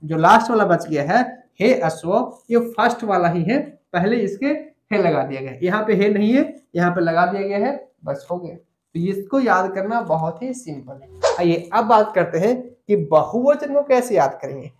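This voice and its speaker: A man's voice: high voice, expressive, normal speed, a little hiss or hum. A man teaching an online grammar lesson. He explains step by step, repeats the key points and asks his students questions. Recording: echoey room.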